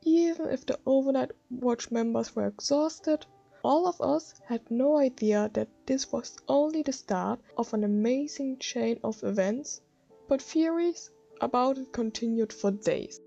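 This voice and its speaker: A woman's voice: high voice, measured pace, gravelly, mellow, dull audio, soft background music. A woman with a German accent, narrating a scripted fan-theory summary in earnest.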